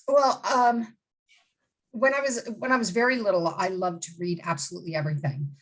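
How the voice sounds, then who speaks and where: A woman's voice: medium pitch, steady tone, a little fast, rough recording. A woman in her fifties from the Bahamas, a literary agent answering interview questions in a direct, emphatic way. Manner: direct and emphatic, with many asides and restarts.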